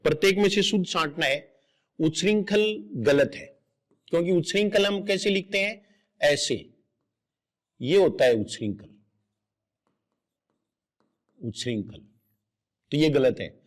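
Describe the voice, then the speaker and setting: A man's voice: on the high side, animated, measured pace, long pauses. A middle-aged man teaching exam grammar in a patient lecture, explaining step by step and repeating each correct word aloud.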